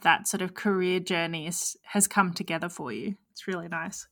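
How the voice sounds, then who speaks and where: Friendly woman interviewer, low voice. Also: steady tone, moderate pace, a bit bright. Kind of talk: conversational interview questions.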